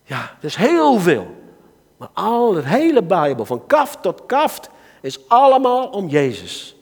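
A man with a Dutch accent preaching a sermon to a church gathering, swinging between soft asides and loud calls to his listeners. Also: sits high, wildly swooping pitch, slow pace. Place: church hall. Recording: reverberant hall.

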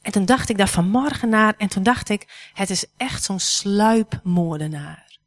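A woman's voice: medium pitch, lively intonation, unhurried. A woman in her forties, a guest speaker giving a sermon in a church hall, who talks to the congregation in a conversational way and often asks them questions.

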